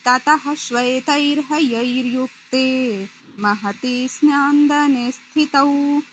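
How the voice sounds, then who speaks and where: A woman's voice: sits high, steady tone, extremely slow, slight background noise, low-quality recording. A young female student carefully reciting a verse aloud in class, with a slight halt partway through.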